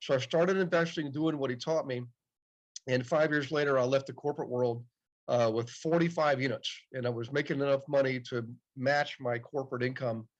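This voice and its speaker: A man in his late fifties speaks at a normal speed in a mid-range voice with fairly even intonation. Appearing as a podcast guest, he tells stories casually and chattily, often saying "yep," and the recording is dull and muffled.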